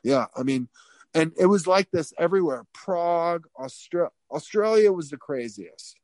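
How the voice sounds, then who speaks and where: A man telling a story in a casual interview, swearing freely and circling back with lots of fillers. His voice sits a bit high for a man, and it sounds dry and close, with no room around it. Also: moderate pace, no echo. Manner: animated, profane, many fillers and restarts. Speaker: interview guest.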